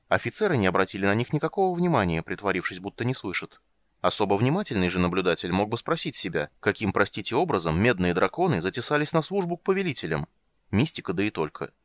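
A man narrating a fantasy audiobook in an expressive, animated reading. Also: lowish voice, dry recording.

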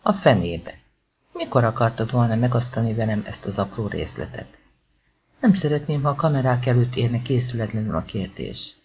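A man's voice: medium pitch, animated, a little mellow, a little hiss or hum, natural voice. An audiobook reader voicing an impatient, sardonic male police chief. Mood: exasperated. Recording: dull lo-fi recording.

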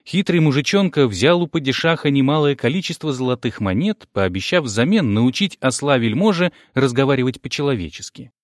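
A man's voice: mid-range voice, lively intonation, a little fast, hardly any pauses, no echo, clean studio sound. A man narrating a comic detective novel in the first person, with a wry, ironic manner. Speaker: audiobook narrator.

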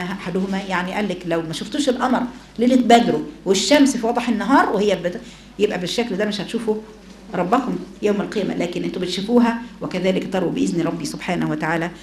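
A woman's voice: mid-range voice, darkish tone, reverberant, a little hiss or hum. A woman with an Egyptian accent teaching a religious lesson to a class, often asking her listeners questions. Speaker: Quran teacher.

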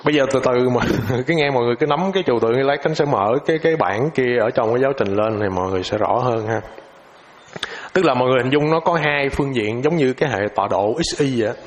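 A man teaching an informal lesson, hesitant, repeating filler words and ending phrases with a soft tag. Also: mid-range voice, fast talker.

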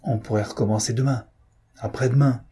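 A man voicing a rough gamekeeper who speaks deferentially and hesitantly in an audiobook reading. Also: mid-range voice, fairly even intonation, a little fast, warm tone. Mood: uneasy deferential.

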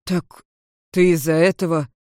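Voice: mid-range voice, fairly even intonation, unhurried, dark tone, no echo, natural voice. A reader in a near-natural voice plays a blunt, sarcastic young man. He sounds indignant and grumbling, with barely any change from the narrating voice, dry and close.

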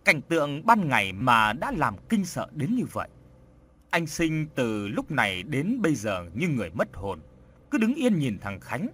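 Male audiobook narrator, husky, dramatic, lively pitch swings. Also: moderate pace. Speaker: storyteller. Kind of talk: audiobook horror story narration.

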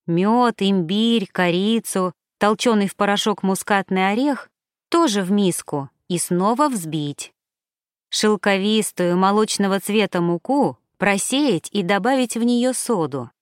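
A woman narrating an audiobook in a calm, even storytelling voice. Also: medium pitch, measured pace, smooth, dry recording, studio quality. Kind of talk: scripted narration.

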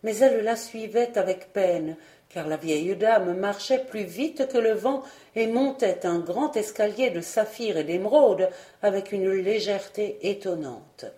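Mellow woman reading a fairy tale aloud. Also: mid-range voice, echoey room. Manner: calm, measured reading. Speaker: audiobook reader. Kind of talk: storybook narration.

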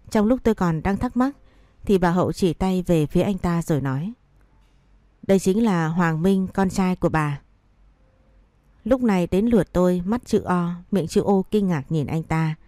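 Woman narrator, lowish mellow voice, dry close recording, story reading. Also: dry recording. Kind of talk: first-person story narration with character dialogue.

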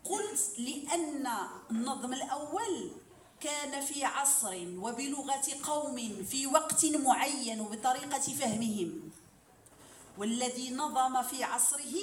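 A woman's voice: sits high, measured pace. A woman lecturer teaching a class, explaining with examples and asking rhetorical questions. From Morocco. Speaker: lecturer in hadith sciences. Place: lecture hall. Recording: roomy hall, voice from far off, faint noise.

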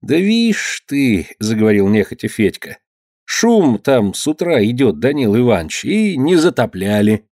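A man voicing a timid, reluctant male servant who talks hesitantly and slowly in an old-time storybook tale. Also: fairly high pitch, very animated, mellow, dry recording, clean studio sound, voice pushed up. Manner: hesitant, slow, drawn-out.

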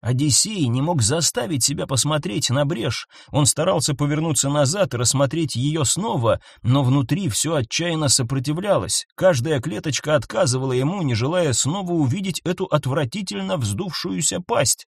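A man narrates a tense science-fiction audiobook in a husky voice pitched a little above the usual. The close mic keeps the sound dry, with no room around him. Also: animated, moderate pace, few pauses, no room sound.

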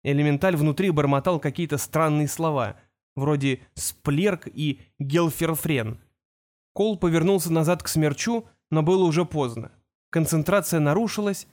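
A man reading a fantasy audiobook in a steady, measured storytelling manner. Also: on the high side. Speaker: audiobook narrator. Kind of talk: scripted fantasy narration.

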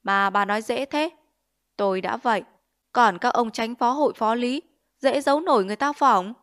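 A woman's voice: medium pitch, normal speed, natural voice. A woman voicing a greedy, bullying male village chief who sneers and makes threats in a Vietnamese storybook reading. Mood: menacing. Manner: blustering, sneering, extorting.

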